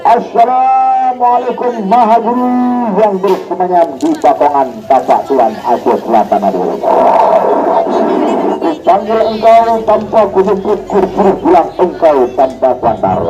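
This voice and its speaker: A man's voice: high voice, expressive, moderate pace. A man doing theatrical street show patter as a snake oil seller, commanding his onlookers with incantatory, repeated calls. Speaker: street medicine seller and showman. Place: outdoors at a roadside. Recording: dull lo-fi distant mic, loud background music.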